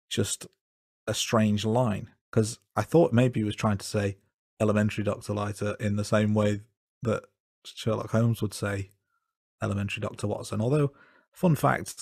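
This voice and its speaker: A man's voice: fairly low pitch, vocal fry, darkish tone, no echo, studio quality. A man co-hosting a film podcast, wry and self-deprecating, with frequent ums. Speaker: podcast co-host. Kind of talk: casual film review chat.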